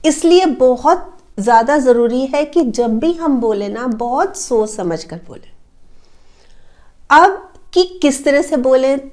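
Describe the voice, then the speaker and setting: A woman's voice: high-pitched, darkish tone. A woman coaching on how to talk so people listen, explaining points with everyday household examples and lots of fillers. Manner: uses fillers like matlab and a. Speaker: personality development coach. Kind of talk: casual spoken advice talk.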